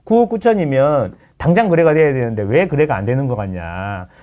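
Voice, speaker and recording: A man's voice: mid-range voice, animated, fairly quick, dark tone, highs cut off. A middle-aged man, a real estate lecturer chatting casually as a guest, explaining with everyday analogies and acting out the people he quotes. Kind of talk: casual chat.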